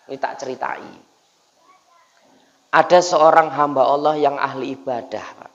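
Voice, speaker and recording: A man's voice: mid-range voice, fairly even intonation, measured pace, in a large hall. A man preaching a humorous dawn sermon, teasing the congregation and constantly addressing them as "Pak". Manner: jokey, teasing the congregation, frequent "Pak" asides. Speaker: Islamic preacher. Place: mosque gathering. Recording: dull lo-fi recording.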